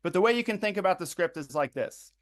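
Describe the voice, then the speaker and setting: Upbeat man briefing volunteers, fairly high voice. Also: animated. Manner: frequent ums and uhs, repeats web addresses slowly. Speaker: campaign organizer leading a phone bank livestream.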